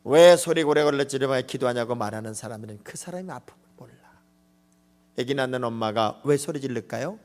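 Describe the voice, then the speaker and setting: A Korean man preaching a revival sermon as pastor, swinging from loud cries to soft asides and acting out short scenes. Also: medium pitch, fairly quick. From South Korea. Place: large church sanctuary. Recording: long echoing hall reverb.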